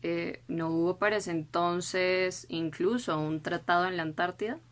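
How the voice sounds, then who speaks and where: A woman's voice: fairly low pitch, steady tone, a little slow. A woman reading skeptical, questioning lines in a scripted school debate.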